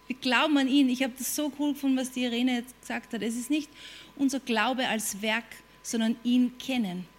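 A woman with a slightly high voice and fairly even intonation preaches a sermon at a moderate pace. She's emphatic, repeating phrases and putting questions to her audience.

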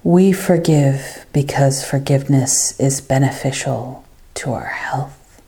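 A woman guides a meditation in a low, mellow voice. Her devotional delivery is unhurried, and her phrases fade softly away.

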